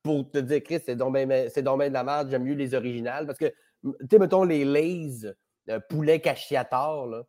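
This podcast guest, a man with a Québécois French accent, talks in a loose, rambling, playful way and doesn't hold back on swearing. He speaks at a normal speed in a medium pitch with a slightly mellow quality.

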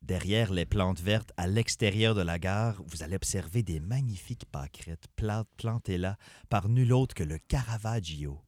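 A man's voice: deep voice, normal speed, a little mellow, no room sound, clean studio sound, lightly acted. A man voicing a theatrical audio-guide narrator who teases his listeners in a mock-formal tone. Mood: pompous. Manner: playful, mock-formal, addresses listeners as little adventurers. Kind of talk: comic sketch voice acting.

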